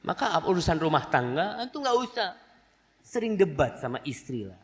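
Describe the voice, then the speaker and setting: Animated preacher man, echoey hall. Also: on the high side, normal speed. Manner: animated storytelling, acts out quoted voices. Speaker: Islamic preacher. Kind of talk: sermon.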